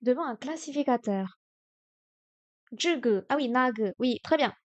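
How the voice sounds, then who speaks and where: A woman streaming herself studying Chinese, sounding out words slowly and correcting herself aloud. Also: high-pitched, lively intonation, lo-fi sound. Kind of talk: live-stream study session.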